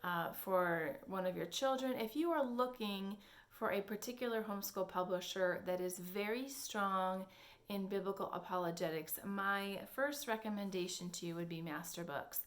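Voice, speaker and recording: A young woman talks through curriculum suggestions in a relaxed, earnest way. She hedges her points and stops to restart her sentences. Her voice sits at a middle pitch. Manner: earnest, hedging, with frequent ums and restarts. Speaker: homeschool blogger. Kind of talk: casual recommendation talk.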